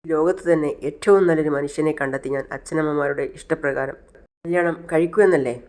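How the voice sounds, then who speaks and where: A man's voice: a little high, steady tone, a little fast, a little mellow, lightly acted. A man playing a bold young woman who firmly defends the man she loves, in a retold serial. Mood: earnest firm. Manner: firm, earnest.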